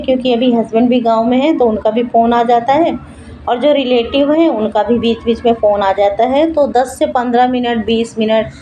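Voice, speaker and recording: A woman's voice: on the high side, dark tone, slight background noise, rough recording. Chatty middle-aged woman narrating home chores. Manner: chatty, homely running commentary on chores. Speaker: home cooking vlogger and mother. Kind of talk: casual vlog narration. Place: home kitchen.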